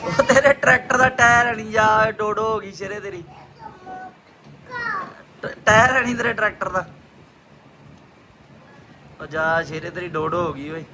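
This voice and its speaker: A man's voice: high-pitched, a little slow, long pauses. A man with a Punjabi accent chatting casually and playfully as he films a family vlog. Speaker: vlogger and father. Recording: loud ambient and vehicle noise.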